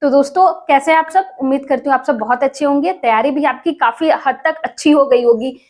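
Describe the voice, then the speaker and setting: Woman teacher w/ a high voice, quizzing viewers n repeating answers. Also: fairly quick, darkish tone. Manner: addresses viewers as friends, asks and repeats answers. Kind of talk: exam prep lesson.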